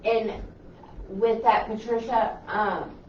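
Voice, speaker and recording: A woman in a paranormal group chatting casually on a live show, speaking haltingly with frequent ums. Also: a little high, little pitch movement, darkish tone. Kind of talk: casual live-stream chat. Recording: roomy, distant, slightly dull live-stream audio.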